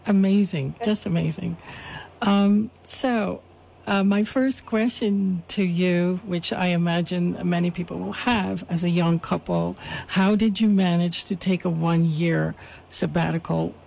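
Female host, low warm gravelly voice, slow deliberate questions. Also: fairly even intonation. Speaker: interviewer host. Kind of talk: interview.

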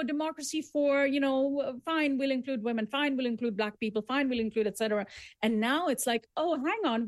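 A woman's voice sits a little high as she talks earnestly in an interview, pressing her points with emphasis and repeated restarts. The sound is dry and close, with no room around it. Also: no echo. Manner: earnest, emphatic, building arguments with repetitions. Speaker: author guest. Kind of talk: conversational interview.

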